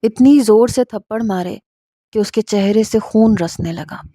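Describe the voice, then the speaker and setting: Warm-voiced woman telling a story. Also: medium pitch, no echo. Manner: steady, earnest storytelling. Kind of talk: scripted first-person story narration.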